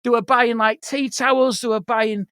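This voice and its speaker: Brief: lively, higher-pitched woman host telling a comic story, swears casually, acts out voices, dry recording. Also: moderate pace, smooth, dry recording. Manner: animated, swears casually, acts out other people's lines. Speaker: podcast host.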